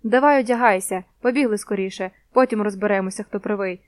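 A woman voicing a hot-headed, loyal teenage boy who talks bluntly and forcefully, in a storybook reading. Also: mid-range voice, fast talker, no room sound, natural voice. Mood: urgent.

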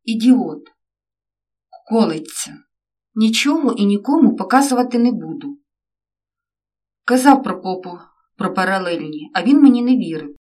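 A woman's voice: mid-range voice, lively intonation, moderate pace, pauses often, darkish tone, natural voice. A woman reading out the lines of a defiant teenage son, indignant and stubborn with his parents.

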